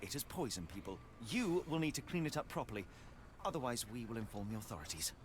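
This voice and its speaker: An actor playing a calm, formal detective in a video game, speaking in a measured, stern way. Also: male voice, mid-range voice, a little hiss or hum, natural voice. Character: calm male detective investigating a poisoning.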